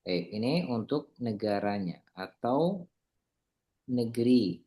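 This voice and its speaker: Teacher voice, patient relaxed explainer, steady mid pitch, casual tutoring tone. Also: slow. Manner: explains patiently, mixing Arabic drill words into relaxed talk. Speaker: Arabic teacher.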